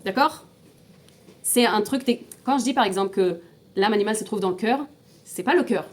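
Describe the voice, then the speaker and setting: This informal class is taught by a woman with a mid-range voice who speaks briskly over slight background noise. She works through the material step by step, questions her students, repeats and restarts often, and uses Hebrew terms.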